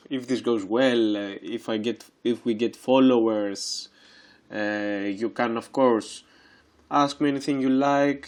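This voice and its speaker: A man's voice: mid-range voice, a little mellow, clear, resonant tone. A man in his twenties from Greece, hosting a casual solo podcast, who talks with many fillers and restarts. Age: 20s. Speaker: podcast host.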